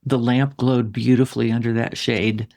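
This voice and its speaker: A man talks straight to his listener in a gentle, reassuring tone. His voice has a steady gravelly texture at a middle pitch. The sound is dry and close, like a solo podcast recorded on a studio mic. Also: moderate pace, no echo. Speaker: writing coach and podcast host.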